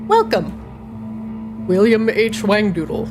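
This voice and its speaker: A woman's voice: mid-range voice, sing-song, slow pace, music in the background. A woman game master voicing a glitching clockwork machine that repeats clipped error messages in a tabletop game. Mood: flat mechanical. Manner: clipped, repetitive machine announcements. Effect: glitching robot voice.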